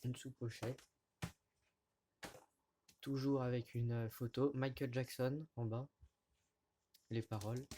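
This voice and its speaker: A man casually showing vinyl records to his camera, talking in a halting way with many fillers and restarts, recorded indoors at home. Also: medium pitch, level tone, warm tone, a little hiss or hum. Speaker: record collector vlogger. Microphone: camera mic at close range.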